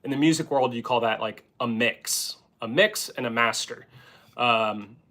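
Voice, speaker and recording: A relaxed man talks to his viewers from home between bits of snare drum playing. He rambles easily, leaning on filler words as he chats in a casual live-stream way. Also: mid-range voice, a little slow. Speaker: drummer and channel host.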